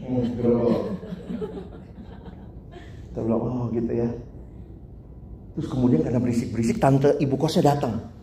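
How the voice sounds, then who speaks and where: A man preaching a sermon, storytelling in an animated way and asking the audience questions, in an echoey church hall. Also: medium pitch, normal speed, pauses often, slight background noise.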